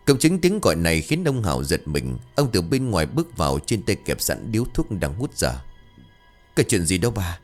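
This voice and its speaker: A man telling a scripted horror story in a dramatic, expressive narration. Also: low-pitched, fairly quick, hardly any pauses, faint music behind.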